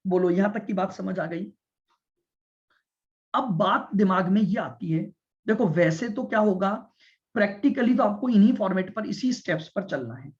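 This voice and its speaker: A man teaching a commerce class, explaining step by step, repeating his points and checking whether the students follow. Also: sits high. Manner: speaks deliberately and stresses listening. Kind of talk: classroom lecture. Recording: dull lo-fi lecture recording.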